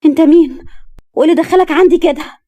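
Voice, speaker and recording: A woman voicing a frightened, indignant young woman with an Egyptian accent, speaking high and loud. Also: racing, dry recording. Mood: alarmed. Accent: Egyptian Arabic.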